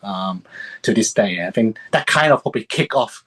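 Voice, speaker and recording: A man in his thirties, born in Hong Kong and raised in Sydney, chats as a film critic in a casual interview, rambling easily with plenty of fillers and restarts. His voice is lowish and expressive with a fairly bright tone and a breathy edge, at a moderate pace.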